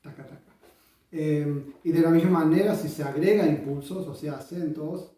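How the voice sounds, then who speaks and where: A man teaching bandoneon, explaining in a thoughtful way with many pauses and sung-out rhythms. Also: on the high side, fairly even intonation, over loud music. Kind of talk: instructional explanation. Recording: echoey room, voice from a distance.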